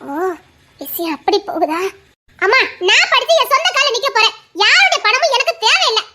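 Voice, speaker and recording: A woman playing a young separated wife and student, speaking with a Tirunelveli Tamil accent in a musing, soft-spoken way. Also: very high-pitched, very animated, normal speed, heavily acted. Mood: defiant.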